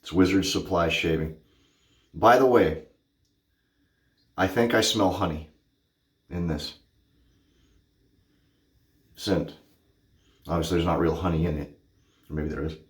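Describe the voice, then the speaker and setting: In a small home bathroom with an echoey sound, a shaving vlogger in his thirties chats casually to camera. He is goofy and hyper and often corrects himself, yet his low voice moves at a measured pace with long pauses.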